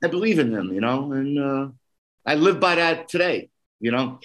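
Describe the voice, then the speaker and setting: A man's voice: medium pitch, animated, moderate pace, fairly bright tone. A man with a Brooklyn accent chatting casually as a podcast guest, earnest and often repeating his phrases. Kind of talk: casual conversation.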